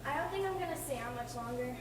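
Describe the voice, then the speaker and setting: A nervous, high-pitched woman played by a stage actress in a spooky melodrama. She is easily frightened and heard at a distance in a noisy, echoing hall. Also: animated, fast talker. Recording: echoey hall, distant mic, noise.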